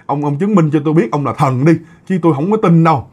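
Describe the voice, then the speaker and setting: A man's voice: fairly high pitch, fast talker, darkish tone, breathy edge, muffled recording. A man voicing a poor man humbly begging a spirit. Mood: doubtful. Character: poor pleading middle-aged man.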